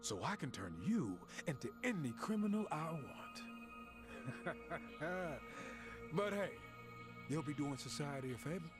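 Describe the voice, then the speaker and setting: A man's voice: a little high, sing-song, takes it slowly. An actor playing a corrupt, sneering police officer in a video game cutscene, mocking and gloating as he frames a suspect, with game music behind. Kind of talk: game dialogue acting. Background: game music score.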